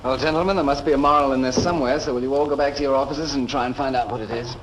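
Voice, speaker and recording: A man's voice: mid-range voice, fairly even intonation, very fast, lightly acted. An actor in a 1930s film comedy playing a male office boss, clipped and dryly ironic. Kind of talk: 1930s Hollywood comedy acting. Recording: noisy old 1930s film soundtrack.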